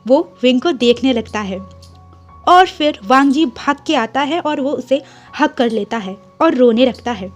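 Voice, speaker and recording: A woman casually retelling a fan fiction story in a brisk, chatty way. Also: sits high, lively intonation, soft background music.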